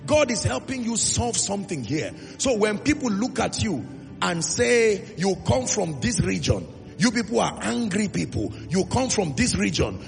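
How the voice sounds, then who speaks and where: Emphatic Nigerian preacher, lively high voice. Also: male voice, gravelly. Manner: emphatic, call-and-response, drawn-out phrases. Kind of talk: sermon. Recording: reverberant hall with music.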